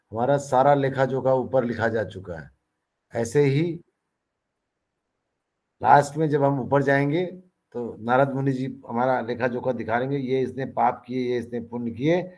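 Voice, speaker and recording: A man hosts an online meeting in a playful, chatty way. He leans on folksy sayings and a light motivational tone. His pitch sits in an ordinary middle range. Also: a little slow, a little mellow, rough recording. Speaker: meeting host. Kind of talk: casual motivational chat.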